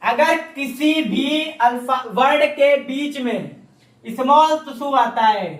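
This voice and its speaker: Very high-pitched and slow, a male Japanese teacher runs an online class, frequently asking questions and then supplying the answers for students to repeat back. The sound is echoey, with the microphone distant.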